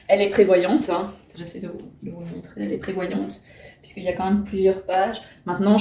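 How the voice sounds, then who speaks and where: A woman's voice: on the low side, mellow, slight background noise. A middle-aged woman chatting casually to camera as a book vlogger, hesitant and self-mocking, at home. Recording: roomy and a bit distant.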